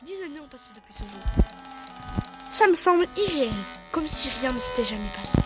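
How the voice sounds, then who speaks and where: A woman's voice: high voice, big pitch swings, a little fast, over music. A woman playing a wry, reflective young narrator in scripted first-person storytelling, conversational in manner. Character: wry young narrator recalling a haunted-manor night years later.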